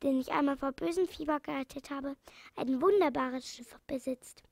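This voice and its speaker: A gentle, kindly old animal doctor from a children's storybook, speaking in a soothing tone, as a woman reads him aloud. The voice sits high and carries a gravelly edge, close and dry. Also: moderate pace, no room sound.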